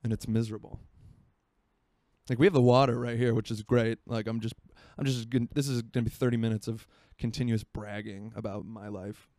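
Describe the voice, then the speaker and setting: A podcast host in his twenties from Florida records a solo show from his home by a marina, rambling and poking fun at himself in casual chat. His medium-pitched voice is warm and steady and a little fast, and the recording is dry.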